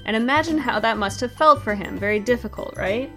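A woman's voice: on the high side, a little fast, a bit bright, faint music behind. Wry woman hosting a comedy segment. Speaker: comedy show host. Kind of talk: scripted comedy news segment.

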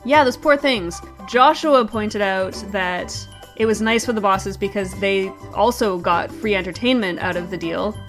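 Woman host, deadpan and brisk, light music bed underneath. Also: mid-range voice. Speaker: comedy show host. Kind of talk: scripted comedy news segment.

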